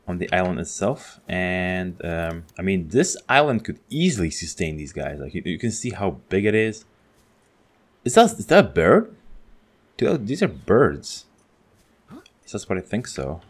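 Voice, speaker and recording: A man with a notably low-pitched voice talks through a video game in a casual let's-play style. He is excitable and chatty, thinking out loud as he explores. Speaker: gaming channel host.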